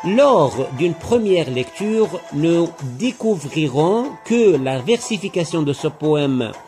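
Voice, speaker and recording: A man giving a literature lesson, analysing a poem slowly and deliberately, spelling out syllables. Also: on the high side, big pitch swings, warm tone, soft background music. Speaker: literature teacher. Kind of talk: lecture-style poem analysis.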